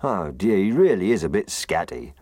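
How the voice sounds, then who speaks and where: Guy putting on a gruff snowman, loud and chummy, kinda husky and creaky. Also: low-pitched, big pitch swings, normal speed, no echo, pitched above the performer's own voice, exaggerated voice. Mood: friendly. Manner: loud, friendly, fussing. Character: gruff cheerful male snowman, chatty.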